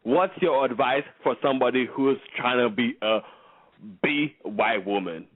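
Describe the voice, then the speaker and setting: A man's voice: mid-range voice, a little slow. A man calling in to a show, chatting casually in a campy, sassy, slangy way. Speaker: call-in listener. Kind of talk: casual chat. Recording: tinny phone call on radio.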